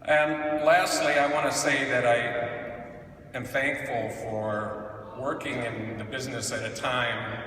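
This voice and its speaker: Middle-aged man, halting podium speech, unhurried delivery, big reverberant hall. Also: medium pitch, steady tone, fairly bright tone. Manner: halting, hesitant, with pauses. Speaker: award recipient, veteran film editor. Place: large indoor hall at an awards event. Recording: very echoey hall, distant mic, faint noise.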